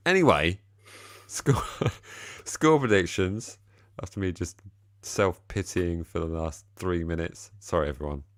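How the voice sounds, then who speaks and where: A tired man hosts a casual football podcast chat, rambling and poking fun at himself, his voice slightly deeper than usual. He sits low in pitch and speaks unhurriedly, and the studio sound is clean with no room echo.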